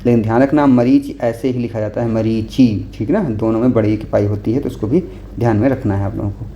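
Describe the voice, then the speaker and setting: A man tutors a class for an exam, going through the answers one at a time and checking in with frequent "okay?" prompts, patiently repeating himself. His voice is fairly low, brisk and dark-toned. The recording is dull and lo-fi, with faint noise.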